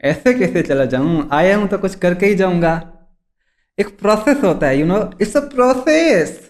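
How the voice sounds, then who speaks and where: A man voicing a boastful, bumbling male lawyer who talks in slow, stumbling English phrases in a comedy sketch. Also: high voice, darkish tone, close to an everyday voice. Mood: defensive.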